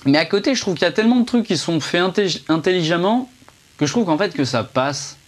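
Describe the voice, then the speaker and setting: A man's voice: high voice, animated, fast. Chatty French man reviewing a film. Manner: chatty, hesitant, many fillers and restarts. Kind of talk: casual video review.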